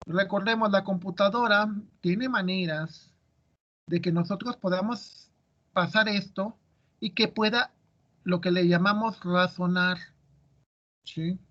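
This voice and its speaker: Male teacher, high voice, quizzing his students, muffled audio. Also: sharp tone. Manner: asks students questions, explains step by step. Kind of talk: classroom lecture.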